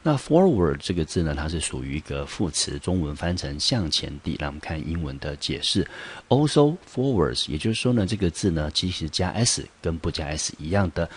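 Taiwanese-accented guy teaching english words, deep husky voice, patient, keeps asking the class questions. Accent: Taiwanese Mandarin. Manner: explains patiently, asks students rhetorical questions. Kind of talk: classroom vocabulary lesson.

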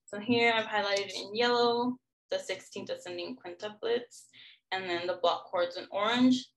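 A young woman gives a student lecture on a song cycle, pointing out highlighted passages in the score as she goes. Her voice sits at an ordinary middle pitch, and her delivery is explanatory and academic. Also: normal speed, rough recording. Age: young adult. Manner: explanatory, walking through a score. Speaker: music student presenting a lecture recital. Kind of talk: academic presentation.

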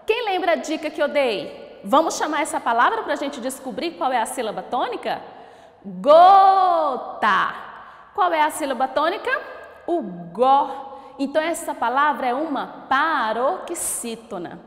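A Brazilian woman teacher giving a recorded lesson to children, slowly sounding out words syllable by syllable and asking encouraging questions. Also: high voice, big pitch swings. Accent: Brazilian Portuguese. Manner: slow, drawn-out syllable-by-syllable word pronunciation; encouraging, asks questions and praises. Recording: echoey room with long reverb.

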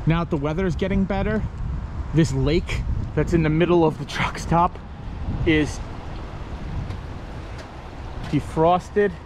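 A man's voice: on the high side, fairly even intonation, normal speed, noisy background. Easygoing trucker man vlogging at arm's length. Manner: rambling, easygoing, talks with many fillers. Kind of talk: casual vlog talk to camera. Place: outdoors at a truck stop lot, later inside a truck cab. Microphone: handheld camera at arm's length.

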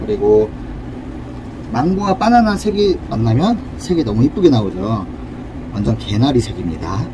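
A man's voice: mid-range voice, very animated, normal speed, background noise. A man demonstrating a cafe drink recipe at a counter, explaining each step in a friendly, polite way. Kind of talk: casual cooking demonstration.

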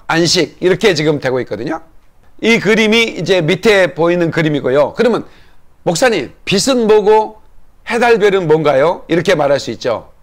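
A male pastor delivering a teaching sermon in a notably high voice for a man. He lays out his points one at a time, pauses to ask the congregation whether they follow, and invites them to answer amen. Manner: asks the congregation questions and calls for amens; explains slowly step by step. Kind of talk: sermon-style Bible lesson.

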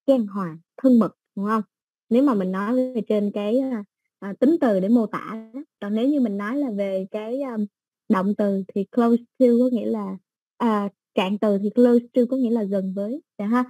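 A woman teaching an English exam-prep lesson, explaining slowly with everyday examples and many fillers. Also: mid-range voice, dry recording, phone-quality sound.

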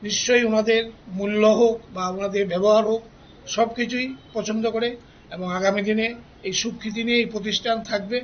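High-pitched older man, halting remarks. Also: fairly even intonation. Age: 60s or older. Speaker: guest dignitary giving remarks. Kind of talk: unscripted formal remarks to press. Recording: dull, noisy showroom location sound.

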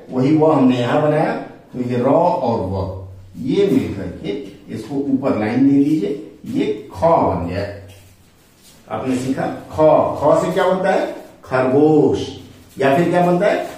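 A man gives a slow, patient lesson, walking through each letter and asking questions as he goes. His voice sits a little high and swings widely in pitch. He sounds far from the mic in a very echoey room. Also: big pitch swings, mellow. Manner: patient, repeats and asks the learner questions. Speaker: Hindi teacher. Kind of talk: step-by-step script lesson at a board.

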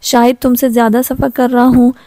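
A woman's voice: fairly high pitch, little pitch movement, fairly quick, warm tone, no echo, lightly acted. A woman reading the lines of a drowsy, offhand young man speaking over a base camp radio in an audio novel.

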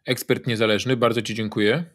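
A man's voice: lowish voice, fairly even intonation, brisk, a bit bright. Formal male show host. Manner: formal, addresses the audience politely. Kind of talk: interview hosting and channel sign-off.

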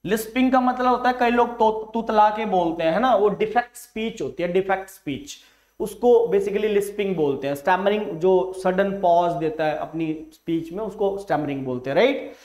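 A man teaching a live online exam-prep class, coaxing his students and calling them "beta", drawing English phrases out slowly. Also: high-pitched, a little mellow, reverberant.

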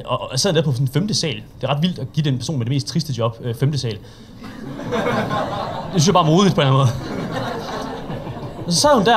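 A man's voice: medium pitch, a little hiss or hum. A young man with a Danish accent performing a stand-up set at an open mic, telling stories in a chatty, self-mocking way and acting out the people in them. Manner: chatty, self-mocking storytelling with quoted voices. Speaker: stand-up comedian.

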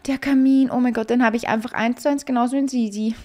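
A young woman giving bubbly, gushing let's play commentary, dropping to quiet asides. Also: a little high, fairly even intonation, fast talker. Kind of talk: casual game commentary.

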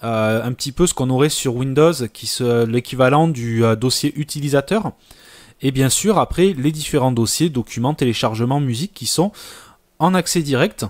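Man presenter, relaxed casual tutorial, plenty of pauses and fillers, dry close sound. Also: medium pitch, no echo. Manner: relaxed, many filler hesitations. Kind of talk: casual screen-recorded tutorial.

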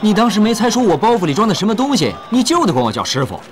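An actor playing a bumbling self-styled kung fu master who blusters and stammers in a comic martial arts film. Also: male voice, high-pitched, big pitch swings, slight background noise. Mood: flustered. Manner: flustered, stammering, fast bluster.

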